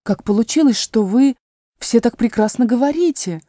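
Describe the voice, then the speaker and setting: A woman's voice: on the high side, animated, normal speed, dark tone, no echo, clean studio sound, voice pushed up. A woman voicing a curious, polite young girl in a storybook reading, asking earnest questions.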